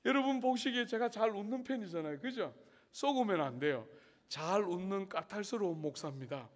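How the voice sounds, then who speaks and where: High-voiced pastor preaching in an echoing hall. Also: male voice, fairly quick. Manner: lively humorous storytelling, acts out the scene. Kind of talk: sermon at a student conference. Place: large university hall. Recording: long hall reverb.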